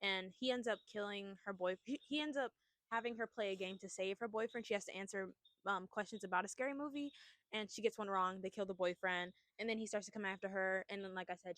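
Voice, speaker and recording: A woman's voice: mid-range voice, steady tone, quick pace, a bit bright, no room sound. Young woman on a podcast, rambling chatty storytelling, lots of ums, dry close sound. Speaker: podcast co-host. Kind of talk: casual chat, retelling a movie plot. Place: outdoors at a picnic.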